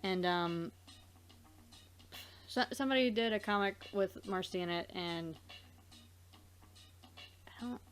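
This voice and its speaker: Speaking slowly with a medium pitch and many pauses, a woman chats casually through her let's play, wandering off topic and losing her thread. She hosts let's plays and works as an amateur voice dubber.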